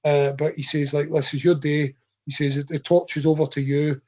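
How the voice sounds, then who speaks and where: A man's voice: fairly high pitch, little pitch movement, normal speed, mellow. A man with a Scottish accent, a podcast guest, telling long rambling anecdotes in a casual interview. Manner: long rambling anecdotes told in his own voice. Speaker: guest ultra runner.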